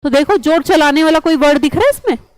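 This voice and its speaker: A high-pitched woman runs an online vocabulary lesson. She coaxes and chats, quizzing her students with memory tricks. The sound is dry and close, with no room around it. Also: animated, fast, no room sound, rough recording. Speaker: English vocabulary teacher.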